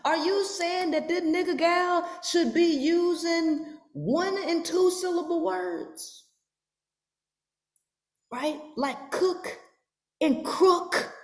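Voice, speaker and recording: A woman hosting a podcast, giving a mocking, profane reaction commentary with emphatic, sometimes shouted lines. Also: very high-pitched, fairly even intonation, very slow. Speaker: podcast host. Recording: roomy echo.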